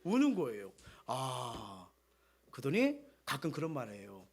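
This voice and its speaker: A middle-aged male pastor preaching a Sunday sermon, moving between loud exhortation and soft, quiet asides. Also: medium pitch, huge pitch swings, measured pace, breathy edge.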